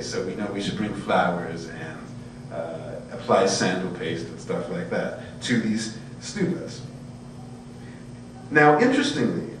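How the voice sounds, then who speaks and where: A man giving an informal academic lecture in an erudite, discursive way, often checking in with his listeners. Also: fairly low pitch. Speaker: lecturer in Buddhist studies. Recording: very echoey, distant microphone, faint hum and noise.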